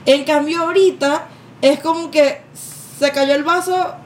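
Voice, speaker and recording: A woman's voice: high-pitched, steady tone, measured pace, a little hiss or hum. A woman co-hosting a casual podcast, talking candidly and at length. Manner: candid, talkative. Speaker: podcast co-host. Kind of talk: casual chat.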